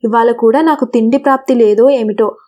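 A starving, gullible storybook wolf, as a woman reading aloud puts it on, greedy in its threats and self-pitying in defeat. The voice sits a little high but stays mellow and soft-edged. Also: brisk, natural voice.

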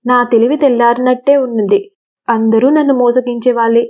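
A woman's voice: fairly high pitch, fairly even intonation, fairly quick, a little mellow, natural voice. A woman voicing a starving, foolish wolf that brags and then pities itself, in a children's storybook reading. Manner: greedy, self-pitying storytelling voice.

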